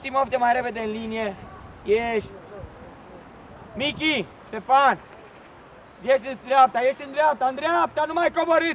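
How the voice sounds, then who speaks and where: A man coaching young football players from the touchline, shouting commanding orders and repeating their names over and over. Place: outdoor football pitch during a match. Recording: noisy outdoor pitch recording.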